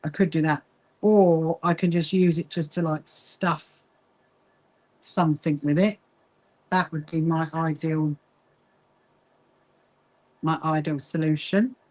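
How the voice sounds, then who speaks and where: This low-quality recording features a woman with a low-pitched, slightly mellow voice and fairly even intonation, speaking slowly with long pauses. She hosts a quilting association's livestream, sewing as she greets viewers and answers comments in a chatty way, her accent a Kentish and Sussex blend from England's south coast.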